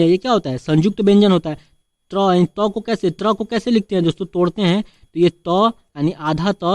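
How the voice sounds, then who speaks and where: A man's voice: high-pitched, no room sound. A man teaching a Hindi spelling lesson, answering his own questions and adding "theek hai" often. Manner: addresses viewers as friends, frequent "theek hai".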